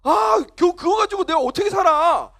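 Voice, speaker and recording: A man's voice: very high voice, lively intonation, normal speed, gravelly, voice pushed up, heavily acted. A man playing a whiny, sulky teenage boy. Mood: whining. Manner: whiny, loud, indignant outbursts. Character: sulky, rude teenage boy snapping at family.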